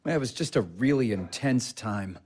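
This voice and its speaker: In naturalistic audio play dialogue, an actor plays an earnest, bookish young husband trying to comfort someone, hesitant, self-correcting and apologetic. His mid-range, husky voice has lively intonation, a moderate pace and a darkish tone, with a wistful, confiding mood.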